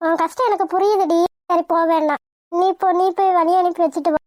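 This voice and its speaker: A woman's voice: extremely high pitch, fairly even intonation, brisk, a little mellow, no echo, studio quality. A woman voicing a caring young friend in a cartoon, coaxing and soothing.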